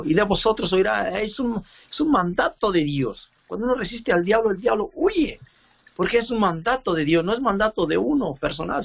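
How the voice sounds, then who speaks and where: A man preaching a sermon with fervor, reading scripture slowly and often repeating words as he searches for them. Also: high-pitched, vocal fry, husky, highs cut off. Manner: reads scripture slowly, drawn out.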